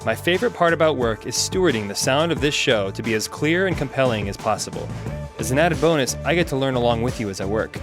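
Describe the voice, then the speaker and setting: A man speaks quickly at a middle pitch, reading an upbeat scripted introduction about his work. Guitar music plays clearly behind him. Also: expressive. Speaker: audio engineer.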